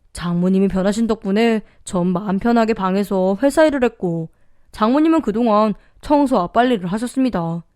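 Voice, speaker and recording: A woman's voice: medium pitch, darkish tone, clear, resonant tone, dry recording, clean studio sound. A woman narrating a first-person story on a story-reading channel, with careful pronunciation and emotive delivery. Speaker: story reader.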